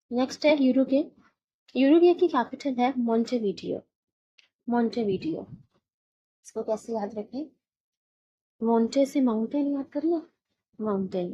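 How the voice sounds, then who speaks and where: A woman's voice: fairly high pitch, mellow, husky, lo-fi sound. A woman teaching an exam-prep lesson, explaining memory tricks and repeating each one several times.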